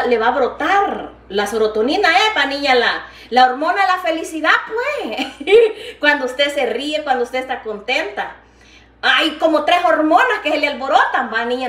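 A woman's voice: sits high, fairly bright tone. An older woman, chatting affectionately to camera in her home kitchen, upbeat and laughing often. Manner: chatty and affectionate, calls viewers "niña" and "hija linda". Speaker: vlogger. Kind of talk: casual chat to camera while cooking. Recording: echoey room, mic at some distance.

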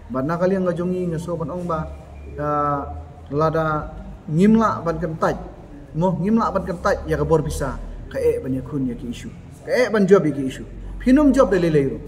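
A man in his thirties giving an emphatic press conference statement, seated at a table in a bare concrete meeting hall, picked up by a camera in front of him. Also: a little high. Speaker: association office-bearer at a press meet.

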